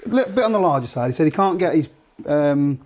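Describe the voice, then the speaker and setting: A man's voice: fairly high pitch, animated, fast talker, darkish tone. Chatty man talking camping gear. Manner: chatty, jokey, thinks aloud with restarts. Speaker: host. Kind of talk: casual gear chat.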